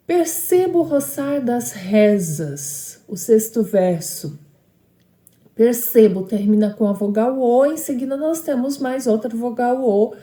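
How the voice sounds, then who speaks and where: A woman's voice: medium pitch, dark tone, reverberant. A woman teaching a lesson on poetic meter, explaining step by step and often checking in with short tag questions.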